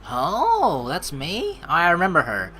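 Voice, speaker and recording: Slow and lowish in voice, this woman narrates a let's play, giving the in-game text an expressive reading and reacting vocally. Game music sits faintly behind her as she exclaims at what unfolds.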